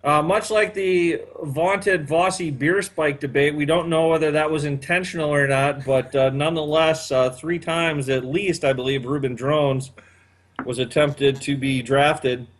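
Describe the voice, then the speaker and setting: A man's voice: fairly high pitch, fairly even intonation, unhurried. A man in his fifties hosting a casual chat, rambling with many fillers. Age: 50s. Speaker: podcast host.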